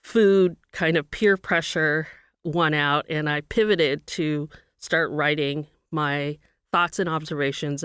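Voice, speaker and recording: A woman's voice: deep voice, clear, resonant tone, dry recording, clean studio sound. A middle-aged woman from Burma, raised in California, speaking as an interview guest, thoughtfully explaining her background and work. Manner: thoughtful, explanatory, with occasional pauses. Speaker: guest, professor. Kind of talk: interview, personal account.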